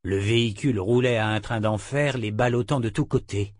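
A man reading a fantasy novel aloud as narrator, measured and steady. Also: on the low side, no room sound, studio quality. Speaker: audiobook narrator. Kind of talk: scripted narration.

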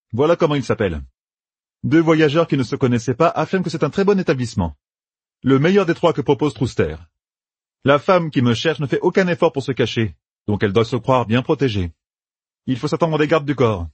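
A man voicing a brash, scheming young leader in a storybook reading, talking high and loud in quick bursts of orders. His voice sits well above his own natural register and keeps a slightly husky edge in a dry, close recording. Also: animated, no room sound. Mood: commanding. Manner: bossy, emphatic, rapid-fire planning.

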